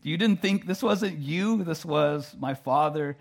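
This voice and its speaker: Halting preacher, tenor voice. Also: male voice, fairly high pitch, vocal fry. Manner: halting, repeats words, frequent "right?" and "you know". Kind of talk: sermon delivered through an interpreter.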